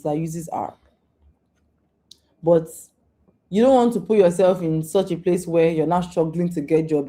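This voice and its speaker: A woman's voice: low-pitched, mellow. A woman answering questions in a live online session, talking informally with repeats and restarts in a coaching tone. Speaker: guest speaker on data careers. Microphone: video call.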